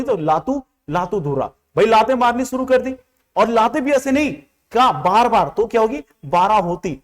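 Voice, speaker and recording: A male teacher from Uttarakhand, with that region's Hindi accent, teaching exam students through a mnemonic story. He keeps asking questions and answering them himself, repeats key terms, and briefly acts out the characters. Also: high-pitched. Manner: acts out little story voices. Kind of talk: exam-prep mnemonic lesson.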